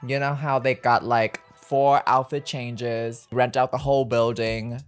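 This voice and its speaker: A sassy drag queen hosts a casual get-ready-with-me makeup chat. The delivery is playful and emphatic at a medium pitch, and music plays along behind the voice. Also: flat delivery, measured pace, clean tone. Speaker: makeup tutorial host, drag performer.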